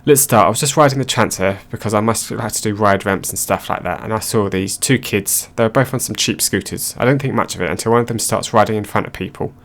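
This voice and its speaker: A man narrating online stories aloud in a plain, steady reading voice. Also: fairly low pitch, fast, hardly any pauses.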